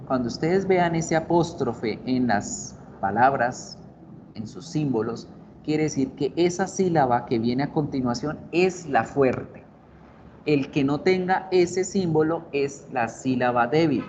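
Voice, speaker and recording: A man's voice: mid-range voice, darkish tone. Man teaching English pronunciation. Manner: explains slowly, repeats words over and over for drilling. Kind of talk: online video class. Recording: slightly dull recording with faint noise.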